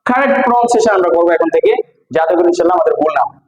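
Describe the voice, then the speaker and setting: A man with a Bangladeshi accent teaching English pronunciation, repeating words slowly for practice. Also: high-pitched, dull audio. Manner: drills words slowly with repetition. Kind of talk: pronunciation lesson. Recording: echoey room with faint noise.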